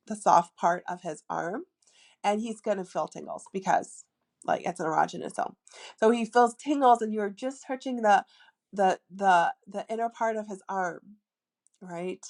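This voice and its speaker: A woman's voice: medium pitch, darkish tone. Chatty woman podcast host, dating coach. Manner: chatty, filler-heavy, playful asides; demonstrates a lilting flirty tone. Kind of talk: casual advice monologue.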